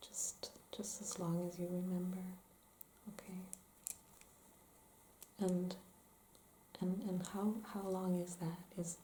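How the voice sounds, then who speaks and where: A woman playing a calm, gentle therapist in an ASMR role-play, asking careful, hesitant questions in soft-spoken ASMR style. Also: on the low side, slow, long pauses. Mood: calm, attentive. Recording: roomy echo, faint background noise.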